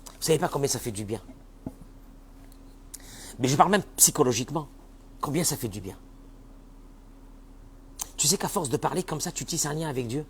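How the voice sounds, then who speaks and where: A man's voice: a little high, lively intonation, moderate pace, pauses often, a little hiss or hum. Impassioned man giving a sermon. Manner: impassioned, urges listeners directly, swings from soft to loud. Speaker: rabbi.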